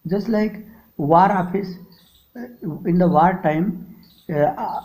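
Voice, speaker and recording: Indian English male teacher, high-pitched and mellow, unhurried, explains each word, lots of "uh". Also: low-quality recording. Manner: reads a sentence then glosses words in simple terms, halting with fillers. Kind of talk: lesson explaining a story line by line.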